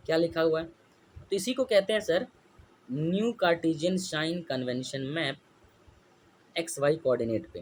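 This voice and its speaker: A man's voice: on the high side, slight background noise. A man teaching a class lecture. He keeps asking the students questions and answers them himself. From India.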